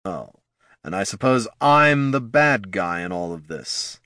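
A cold, contemptuous undead lich sorcerer with a low, hissing voice that sneers and snarls in an audiobook fantasy duel, as a man reads him. The sound is dry and close. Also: lively intonation, a little slow, bright, forceful tone, no echo. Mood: mocking. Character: scornful old male lich sorcerer, cold and cruel.

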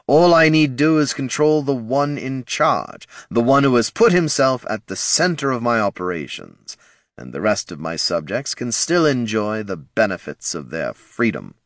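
A man's voice: medium pitch, very animated, moderate pace, no echo, clean studio sound, pitched above the performer's own voice. An audiobook narrator voicing a scheming male lich overlord, silky and condescending, whose voice climbs into grand declarations.

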